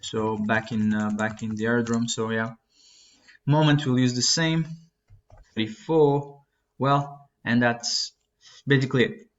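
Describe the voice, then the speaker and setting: A young man explains a flight-prep chart in a lesson, his voice flat and unvarying. He halts often, filling gaps and correcting himself as he goes. The recording is dull and lo-fi, captured on a desk mic at a computer. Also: mid-range voice. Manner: halting, many fillers and self-corrections. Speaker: flight instructor. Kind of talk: screen-recorded lesson walkthrough. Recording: dull lo-fi sound.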